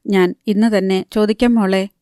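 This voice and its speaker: A woman narrator voicing a worried, caring middle-aged mother who asks quick questions, in a smooth, level reading voice. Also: medium pitch, fairly even intonation, warm tone, no echo, clean studio sound, close to an everyday voice.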